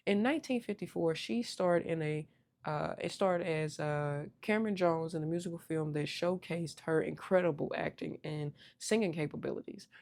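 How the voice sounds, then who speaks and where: A woman hosts an earnest history talk, speaking straight to her viewers and giving her subjects respectful titles. Her voice sits low with a gravelly fry running through it, and she now and then trips and corrects herself while reading. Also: a little mellow. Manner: earnest, addresses viewers directly, honorific titles; reads with small stumbles and self-corrections. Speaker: host. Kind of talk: scripted history talk to camera.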